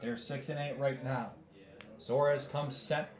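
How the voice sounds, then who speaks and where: Hoarse man calling a baseball game. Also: medium pitch, roomy sound. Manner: calm measured calls, rising on big plays. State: losing his voice, coughing. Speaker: play-by-play announcer. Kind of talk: baseball play-by-play commentary.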